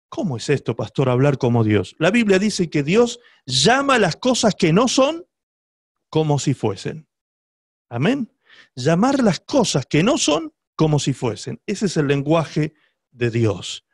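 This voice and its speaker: A man's voice: fairly high pitch, dry recording, clean studio sound. A male pastor preaching a sermon, emphatic and teaching, often checking in with rhetorical questions to his listeners.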